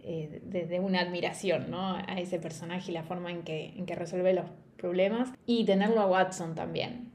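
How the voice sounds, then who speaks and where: A young woman chatting casually in a book review vlog, opinionated and quick to laugh. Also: on the low side, steady tone, a little mellow.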